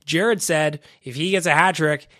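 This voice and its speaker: A man's voice: fairly high pitch, fairly even intonation, normal speed, fairly bright tone, dry recording, studio quality. A man hosting a casual sports podcast solo, sounding slightly nasal, phlegmy and congested, talking informally with repeated phrases for emphasis. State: mildly congested with a cold-like illness. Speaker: podcast host. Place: small home basement studio.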